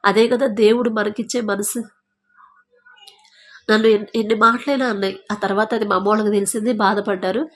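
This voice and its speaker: A woman giving a personal faith testimony, telling her story with feeling and acting out what others said. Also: mid-range voice. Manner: emotional storytelling, acting out quoted speech. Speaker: testimony giver.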